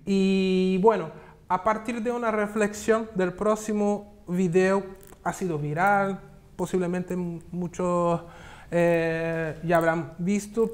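In a TV studio interview, a male guest talks slowly and haltingly, thinking as he goes and repeating words. His voice is high-pitched with fairly even intonation.

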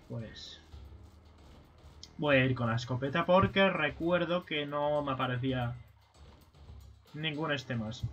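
A streamer from with a bright, fairly high voice swears and shouts at the enemies as he plays. His casual commentary comes through slightly dull stream audio. Game music runs faintly behind him. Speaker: gaming streamer. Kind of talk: casual let's-play commentary.

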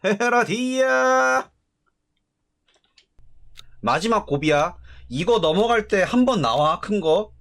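Joking man with a lively voice. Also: high voice, moderate pace, hardly any pauses. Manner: jokey, chatty, talks to the game. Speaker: game streamer. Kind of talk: casual gameplay commentary.

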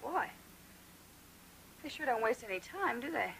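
A sardonic, defiant patient. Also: female voice, a little high, big pitch swings, measured pace, vocal fry, fairly bright tone, slight background noise, exaggerated voice, rough recording. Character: bitter, witty woman in psychiatric ward. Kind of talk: 1970s TV movie acting. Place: hospital ward room.

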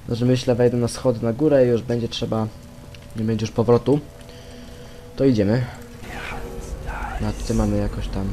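A young man giving casual commentary over a stealth game he is playing, rambling to himself, swearing and sometimes bursting into loud shouts. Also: medium pitch. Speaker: let's play gamer.

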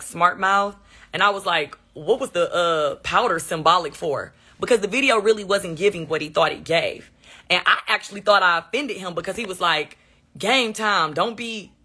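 A woman's voice: fairly low pitch, sharp tone, husky. A woman venting on a phone livestream, defensive and sarcastic, answering her chat.

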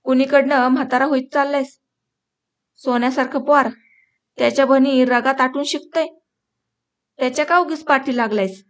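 A woman's voice: high-pitched, fairly even intonation, normal speed, long pauses, lightly acted. A woman reading the lines of a stern village man scolding a violent father in a storybook.

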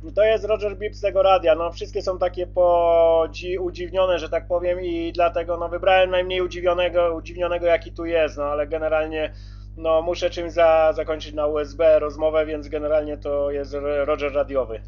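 A man with a fairly high, level voice talks casually as a CB radio operator at a moderate pace, repeating himself while checking and confirming reception. The highs are cut off.

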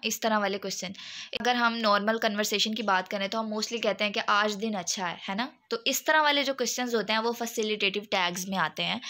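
A young woman teaches an exam-prep lecture in a bright, slightly high voice. She moves through each point step by step and keeps checking in with her listeners. Her delivery is plain and steady. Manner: explains step by step, repeats "theek hai" often. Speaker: online tutor.

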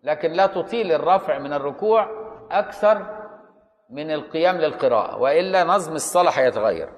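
A man's voice: on the high side, expressive, fairly quick, big-room sound. A man with an Egyptian accent teaching Islamic jurisprudence in a conversational lecture, often stopping to ask the students if they follow. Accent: Egyptian Arabic.

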